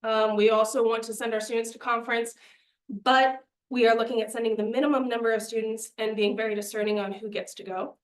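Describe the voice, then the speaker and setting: A woman's voice: on the high side, steady tone, brisk. A young woman presenting a student media budget to a committee, earnest and persuasive, a little out of breath. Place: meeting room. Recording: echoey meeting room.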